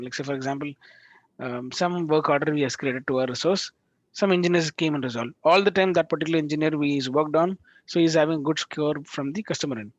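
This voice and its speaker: A man teaching a live online class over a video call, talking in halting bursts with restarts and frequent check-ins with his students. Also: on the high side, dry recording. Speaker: instructor. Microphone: video call microphone. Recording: dull lo-fi call audio.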